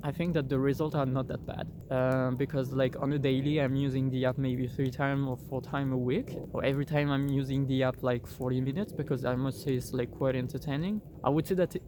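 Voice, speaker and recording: Speaking a little fast with hardly any pauses, a young French-accented vlogger gives a casual, rambling app review full of fillers and restarts. His mid-range voice keeps a fairly even intonation as he talks outdoors in the cold into a phone he holds himself, with noise in the background.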